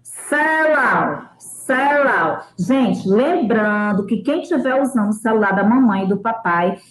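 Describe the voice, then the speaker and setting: A woman from Brazil, an English teacher in a live online lesson for children, slowly repeating words for them to copy and calling herself auntie. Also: medium pitch, echoey room, low-quality recording. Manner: slow, drawn-out repetition of words for children to copy; calls herself auntie and reads out viewers' names. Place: home kitchen.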